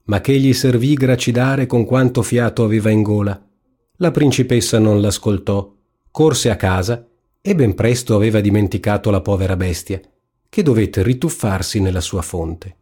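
A man narrating a fairy tale in a calm, even storybook reading. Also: fairly low pitch, moderate pace, slightly rough.

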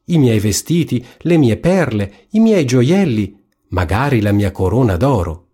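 A man's voice: mid-range voice, lively intonation, measured pace, mellow, slightly rough. A man voicing a spoiled young princess in a storybook reading, whiny and raised. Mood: tearful.

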